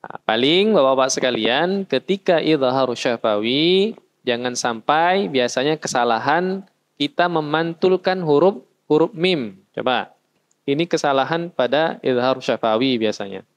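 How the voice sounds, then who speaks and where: A man's voice: mid-range voice, lively intonation, unhurried. A man teaching a class how to recite, explaining patiently and chanting short verses as examples. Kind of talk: recitation lesson. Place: mosque.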